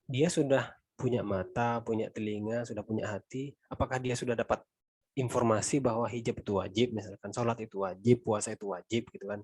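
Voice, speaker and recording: A middle-aged man with an Indonesian accent gives a conversational Quran exegesis lesson. His voice is mellow and a little husky, recorded dry and close. He keeps tagging his points and lets line endings fall away quietly. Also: medium pitch, fairly even intonation, a little fast, dry recording. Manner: conversational, frequent "gitu kan" tags, trailing softly. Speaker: religious teacher.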